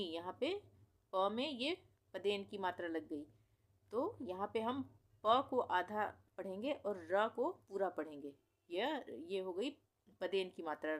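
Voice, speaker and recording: A woman teaching Hindi reading, saying each difficult word slowly several times and explaining how it is pronounced. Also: medium pitch. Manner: repeats each word slowly, stretching syllables; patient, explanatory questions to the learner. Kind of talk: slow instructional reading lesson.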